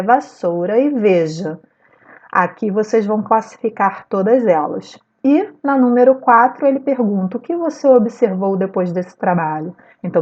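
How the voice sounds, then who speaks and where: A woman's voice: mid-range voice, darkish tone. Lady teacher doing a video class, patient, keeps checking in, kinda dull lo-fi audio. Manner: patient, walks through textbook exercises; frequent checking fillers like "né" and "tá". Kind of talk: recorded video lesson.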